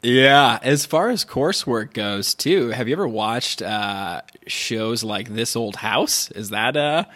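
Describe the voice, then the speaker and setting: A man's voice: medium pitch, animated, slow pace, few pauses, fairly bright tone. A man hosting a podcast interview, asking his guest questions in an upbeat, enthusiastic, casual way. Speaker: podcast host.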